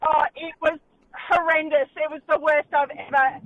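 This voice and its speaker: A woman calling in to a radio show, telling a story in a hesitant but animated way. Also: high voice, moderate pace, no echo, phone-quality sound. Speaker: caller. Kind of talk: phone-in anecdote.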